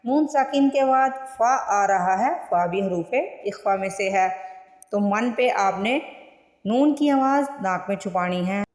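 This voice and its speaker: A woman teaching Quran recitation word by word. She draws each word out slowly and then explains it in plain speech. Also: medium pitch, animated, darkish tone. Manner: slow drawn-out recitation between plain explanations. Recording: echoey room with long reverb.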